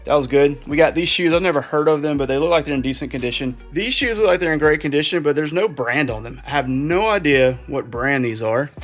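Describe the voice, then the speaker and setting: A man's voice: a little high, fairly quick, few pauses. Chatty man vlogging over faint music. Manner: chatty, thinking aloud while sorting clothes. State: out of breath. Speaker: resale vlogger. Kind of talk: casual vlog commentary.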